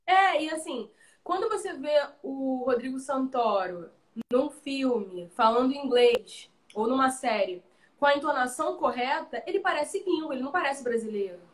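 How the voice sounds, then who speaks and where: A woman's voice: high-pitched, moderate pace. A Brazilian woman, a guest actress, telling stories animatedly in a casual live chat over a video call. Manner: animated storytelling, slangy. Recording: roomy echo.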